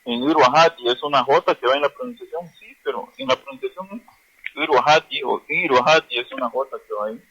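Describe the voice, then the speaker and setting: A man teaching a language class, slowly repeating and drilling words for his listeners. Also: mid-range voice, bright, forceful tone, slightly rough, highs cut off. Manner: slow, repetitive drilling of words.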